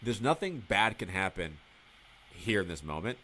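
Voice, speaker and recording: Candid male guest, low voice with big swings, profane storyteller acting out dialogue. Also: sing-song, moderate pace, pushed and bright, slight background noise. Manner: candid, swears freely. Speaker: podcast guest. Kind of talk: casual interview conversation.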